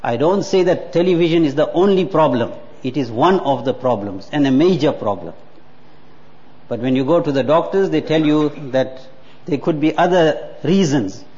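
A man's voice: a little high, expressive, normal speed, darkish tone. A man, preaching a sermon earnestly and repeating words for emphasis. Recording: muffled hall with long reverb.

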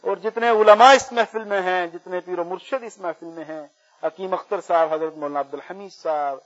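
A man leading a slow, drawn-out prayer at a gathering. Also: high voice. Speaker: prayer leader. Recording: muffled and distant from mic.

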